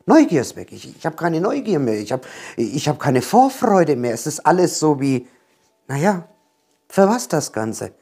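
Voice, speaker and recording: A man's voice: fairly high pitch, very animated, moderate pace, dark tone, husky. A man giving a motivational self-help monologue, talking earnestly and directly to the viewer and repeating his points. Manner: earnest, repetitive, speaks straight to the viewer.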